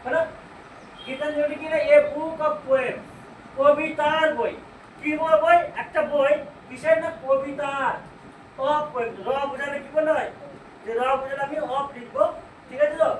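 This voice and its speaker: A man with a Bengali accent and a very high-pitched, steady voice teaches English grammar. He asks the class questions, answers them himself, and reads English sentences out slowly. The recording is noisy and echoey, with him far from the mic.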